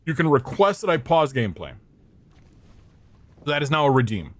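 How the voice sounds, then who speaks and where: A man's voice: mid-range voice, very animated, moderate pace, no room sound. A young man streaming a game, thinking aloud in a scattered way, swearing now and then and greeting his chat. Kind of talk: casual gameplay commentary.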